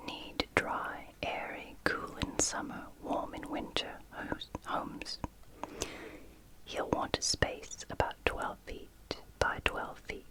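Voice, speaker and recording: An ASMR host speaking in a soft, unvoiced library whisper, gently reading and commenting on a book in short phrases with pauses.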